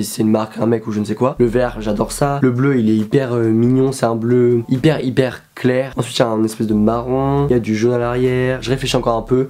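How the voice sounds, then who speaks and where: A young man from France talks through a casual sneaker vlog, chatty and slangy, full of fillers and asides. His voice is mellow and relaxed, at an ordinary middle pitch, and he sounds a little under the weather. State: sick. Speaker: YouTuber.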